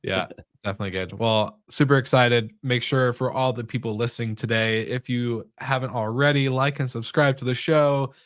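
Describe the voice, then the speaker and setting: A man co-hosting a hospitality podcast, chatting in a relaxed, friendly way and laughing easily. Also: medium pitch, normal speed, no echo, clean studio sound. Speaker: podcast co-host. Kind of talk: casual chat.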